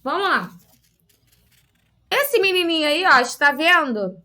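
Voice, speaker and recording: With a high, bright, forceful voice that swings widely in pitch, this Rio de Janeiro teacher keeps a measured pace. She explains a lesson patiently to kids in a recorded online class, Rio accent clear, frequently tossing in quick tag questions to check on them.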